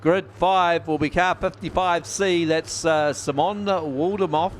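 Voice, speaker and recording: A man calling live speedway races as commentator, excitable and quick in the action and calmer between races. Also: on the high side. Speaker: race commentator. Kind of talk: live motorsport race call. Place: outdoor speedway commentary position. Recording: loud speedway engine noise behind.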